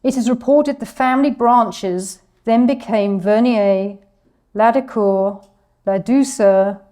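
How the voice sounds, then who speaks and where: Presenter, female, reads a scripted history talk in a warm, mellow voice. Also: a little high, slow pace. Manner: reads from a script, apologizes for her French pronunciation.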